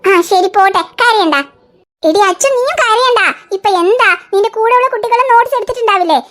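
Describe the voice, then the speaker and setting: A woman voicing a calm, gently scolding mother in a cartoon. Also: extremely high pitch, a little fast. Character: soothing cartoon mother of three girls. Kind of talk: cartoon voice acting.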